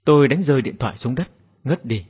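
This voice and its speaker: Narrate this horror story with suspense, husky tone, let the pitch swing freely. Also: male voice, lively intonation, fast talker, darkish tone. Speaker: audiobook narrator.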